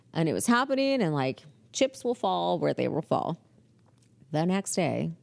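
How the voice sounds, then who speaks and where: Brief: woman podcast host, casual storyteller, lots of "like", voice low with a gravelly edge. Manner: chatty, heavy use of "like" fillers; animated, quotes people in character.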